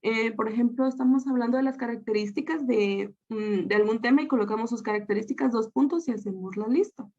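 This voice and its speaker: A woman's voice: a little high, fairly quick, hardly any pauses, darkish tone. Guatemalan woman explaining a lesson. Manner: explanatory, with frequent fillers and restarts. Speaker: student teacher. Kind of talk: recorded lesson over slides. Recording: slightly dull, lo-fi audio.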